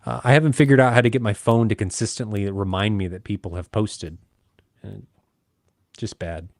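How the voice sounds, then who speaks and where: A man's voice: fairly low pitch, fairly even intonation, moderate pace, no echo, clean studio sound. A man co-hosting a casual podcast, chatty and joking, poking fun at himself. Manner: chatty, joking, self-deprecating. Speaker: podcast co-host. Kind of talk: casual chat.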